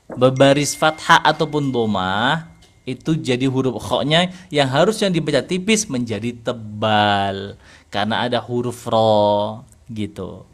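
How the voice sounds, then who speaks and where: An Indonesian man with a mid-pitched voice runs an online Quran recitation class. He corrects his student patiently, asks leading questions and chuckles now and then as he explains. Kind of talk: interactive online recitation lesson.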